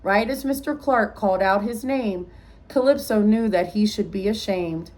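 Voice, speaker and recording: Speaking at normal speed in a medium pitch, this woman reads a rhyming picture book the way a teacher would. Her storytelling is expressive, with little comments directed at the kids.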